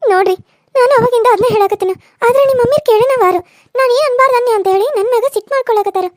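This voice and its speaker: A young village daughter-in-law in a cartoon, high and squeaky, argues and pleads at a fast clip, as a woman voices her. The sound is close and dry. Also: darkish tone, dry recording. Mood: protesting. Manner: argumentative, pleading, quick protesting. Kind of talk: cartoon serial voice acting.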